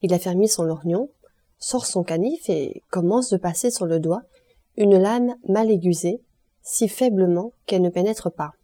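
A woman narrating a literary audiobook in a measured storytelling manner. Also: medium pitch, dark tone. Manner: measured storytelling, lifts voice for quoted lines. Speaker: audiobook reader.

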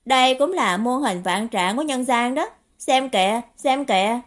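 A woman voicing a playful, mischievous young man in an audiobook, with bright teasing exclamations. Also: fairly high pitch, expressive, moderate pace, close to an everyday voice. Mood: cheeky excited. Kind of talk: audiobook character voice.

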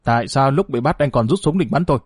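A man's voice: mid-range voice, fast, husky, dry recording, clean studio sound, natural voice. A man voicing a shrewd young male lieutenant who interrogates harshly. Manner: harsh, commanding.

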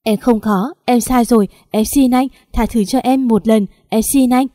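A woman's voice: on the high side, normal speed, dark tone, no room sound, clean studio sound, natural voice. A woman reading the lines of a desperate young wife who pleads tearfully for forgiveness in an audio story.

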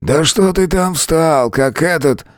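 A man voicing a hoarse, creaky-voiced stranger over a hundred years old, calm and matter-of-fact, in an audiobook. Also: a little high, takes it slowly, no room sound, clean studio sound, pitched above the performer's own voice. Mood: urgent. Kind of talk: audiobook character voice.

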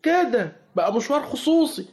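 A very high-pitched, pushy shopkeeper in a radio comedy, rattling on fast with faint music behind. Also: male voice, very animated, full character voice. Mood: pestering. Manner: shrill, insistent. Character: nagging shopkeeper pestering his friend.

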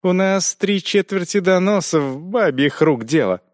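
A man's voice: high-pitched, animated, a little slow, no room sound, studio quality, pitched above the performer's own voice. A man voicing a cynical older monk giving sly, knowing advice.

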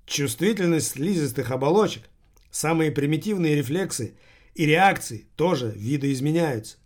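Guy reading an audiobook, deadpan and even, a bit high voice. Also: normal speed. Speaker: audiobook narrator. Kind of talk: audiobook narration.

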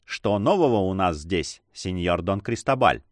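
Commanding leader, curt and businesslike, lively pitch, in a man's reading. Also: a little slow, no echo, clean studio sound. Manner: imperious, businesslike. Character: commanding male leader of the partners.

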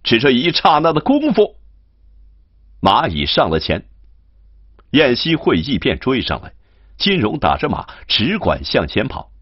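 A man narrating an audiobook of a classic novel in an unhurried, expressive storytelling manner. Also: medium pitch, slightly rough, no echo. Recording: muffled lo-fi recording.

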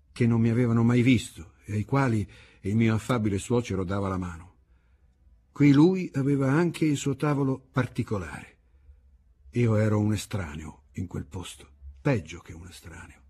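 A man reading a novel aloud as an audiobook, in measured, unhurried literary narration. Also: medium pitch, warm tone, slightly rough. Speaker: audiobook reader.

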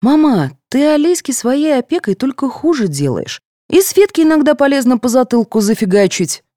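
A woman's voice: sits high, big pitch swings, moderate pace, warm tone, no room sound, studio quality, pitched above the performer's own voice. A woman voicing a blunt, preachy young boy who lectures the grown-ups in an audiobook. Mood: lecturing. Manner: lecturing, sneering.

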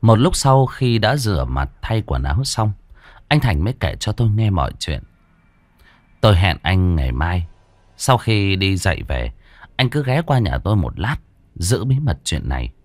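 A man's voice: sits low, very animated, moderate pace, no echo. A man narrating a first-person horror story for an audiobook, drawing out the eerie passages with dramatic delivery.

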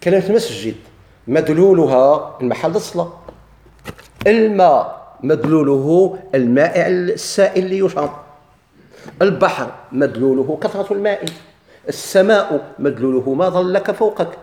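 A man's voice: a little high, animated, moderate pace, a little mellow, reverberant. A man with a Moroccan Arabic accent teaching a grammar lesson. He keeps posing questions and answering them himself.

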